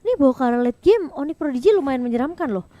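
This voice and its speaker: A woman giving live play-by-play commentary on a mobile game match as an esports shoutcaster. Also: high voice, animated, racing, no echo, lo-fi sound.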